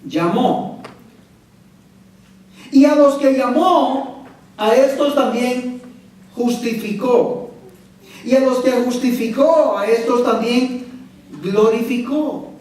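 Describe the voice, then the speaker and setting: A man's voice: very high voice, takes it slowly, long pauses, darkish tone. A man preaching a sermon as pastor, emphatic and often asking the congregation questions. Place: church sanctuary. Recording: echoey church hall from far off.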